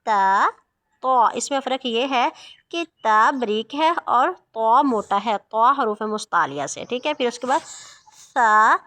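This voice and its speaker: A woman teaching Quran reading, drilling letter sounds slowly and explaining patiently with reassuring repeated check-ins. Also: on the high side, expressive, fairly bright tone, dry recording. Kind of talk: slow recited drill and explanation.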